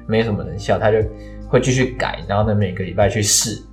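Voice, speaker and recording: A man's voice: on the low side, fast, a little mellow, faint music behind. A young man, chatting casually and explaining things at length with hesitant fillers. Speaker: podcast co-host, student. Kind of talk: casual chat.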